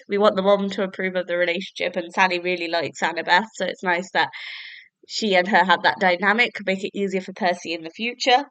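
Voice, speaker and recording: The audio is poor, though without echo, as a young woman with a medium-pitched, slightly bright voice hosts her own podcast. It's a casual solo book review where she rambles with many fillers, a little bunged up from a cold.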